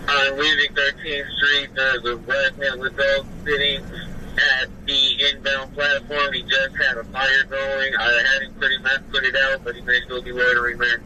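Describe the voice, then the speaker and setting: A man's voice: mid-range voice, level tone, moderate pace, sharp tone. A male police officer giving clipped procedural updates over police radio. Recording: noisy police radio scanner feed.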